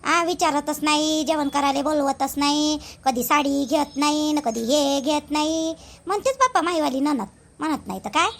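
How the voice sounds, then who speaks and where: A woman with a high-sitting voice, at moderate pace, plays a chatty, aggrieved village housewife in an amateur cartoon, grumbling about her sister-in-law. She uses a Varhadi Marathi accent from Vidarbha and village dialect, rambling in a gossipy, plaintive, repetitive, complaining way.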